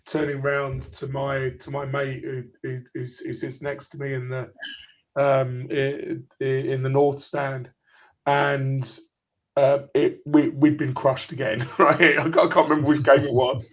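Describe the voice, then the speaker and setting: A man's voice: medium pitch, little pitch movement, a little slow. A man in his forties on a clipped phone line, chatting about football in a rambling way and restarting his points over and over. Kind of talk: casual football chat.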